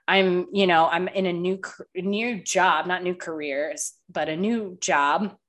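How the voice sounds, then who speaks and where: A woman with a fairly low, steady, slightly bright voice hosts a podcast, talking unhurriedly in casual chat. Congested and a bit nasal with a slight cough, she rambles loosely, swears often, and fills her speech with "like."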